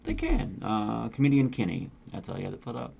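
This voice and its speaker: A man, a comedian guest, chatting casually in a halting, hesitant way. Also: mid-range voice, huge pitch swings, vocal fry, darkish tone, a little hiss or hum. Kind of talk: casual chat.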